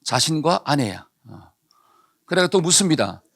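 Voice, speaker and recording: A man's voice: fairly high pitch, sing-song, normal speed, vocal fry, fairly bright tone. A male pastor preaching a sermon, telling a story and asking the congregation questions that he answers himself.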